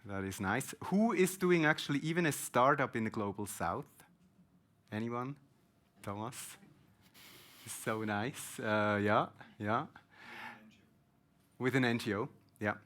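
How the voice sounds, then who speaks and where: A man's voice: medium pitch, takes it slowly, pauses often, fairly bright tone. A man moderating a conference panel, polling the audience and introducing himself, with many hesitations.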